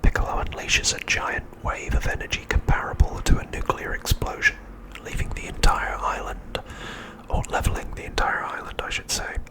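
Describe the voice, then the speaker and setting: Like an ASMR host going over a story, this man whispers breathily throughout, never voicing a tone. Everything stays slow, soft and hushed, though the audio is poor.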